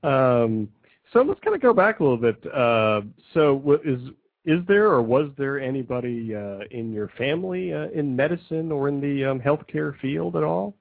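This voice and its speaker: A man's voice: mid-range voice, lively intonation, normal speed, creaky, dry recording. A man hosting a podcast, asking questions hesitantly with many uhs and restarts. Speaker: podcast host. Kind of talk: casual interview questions. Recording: dry, phone-like narrow sound.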